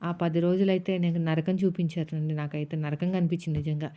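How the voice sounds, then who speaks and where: A woman's voice: sits low, little pitch movement, fast. A woman, a housewife vlogger, chatting casually as she narrates her day and retells family arguments. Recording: dull lo-fi sound.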